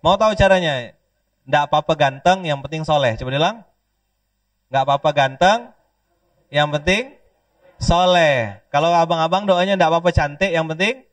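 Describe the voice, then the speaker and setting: A man from Pontianak, Indonesia, preaching a lively sermon, joking and leading call-and-response with the audience. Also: fairly high pitch, dry recording. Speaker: Islamic preacher. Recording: dry, distant mic.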